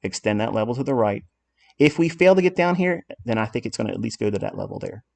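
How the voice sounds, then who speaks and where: A man's voice: mid-range voice, animated, fast talker, creaky, darkish tone. A man walking through trading charts in a lesson, blunt and self-assured as he explains what he authored. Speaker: trading educator.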